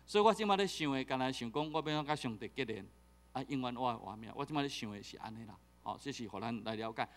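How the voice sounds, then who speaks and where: A man's voice: mid-range voice, fast talker. A middle-aged man with a Taiwanese accent preaching a sermon, joking and telling stories with many repeated fillers. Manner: jokey, animated storytelling with repeated fillers. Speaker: pastor.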